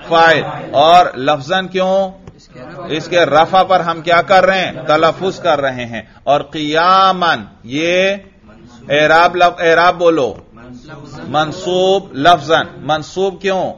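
Male grammar teacher, higher voice, question-and-answer drill, sing-song chanting, dull lo-fi sound. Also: fairly bright tone.

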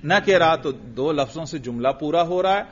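A male teacher drilling a student on grammar, asking short questions, repeating the answers and praising briskly. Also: a little high, animated. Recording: muffled lo-fi recording.

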